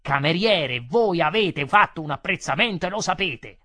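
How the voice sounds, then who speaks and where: An actor reading aloud plays a short, angry young restaurant customer who speaks with stiff, menacing formality. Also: male voice, a little high, lively intonation, normal speed, bright, forceful tone, no room sound, studio quality. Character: angry short young man, threatening diner.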